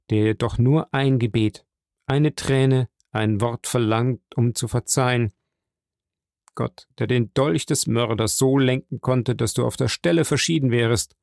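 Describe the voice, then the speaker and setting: A man voicing a stern, solemn nobleman who speaks slowly and gravely. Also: medium pitch, a little mellow, no room sound, clean studio sound. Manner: slow, grave, measured.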